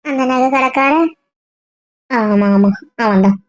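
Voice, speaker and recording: Chatty teasing woman in a web drama, highish voice, dull dry audio. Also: takes it slowly, no echo. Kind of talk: amateur web series acting.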